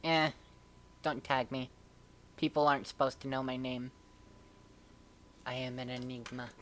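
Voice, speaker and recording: A woman's voice: extremely low pitch, fairly even intonation, measured pace, a bit bright, slight background noise. A woman co-hosting a comedic reading of fan fiction, with dry, mocking commentary.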